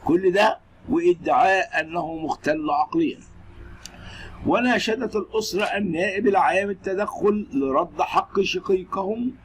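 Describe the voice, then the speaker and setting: A man's voice: high voice, poor audio. A man with an Egyptian accent narrating scripted news reports and commentary. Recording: steady background noise.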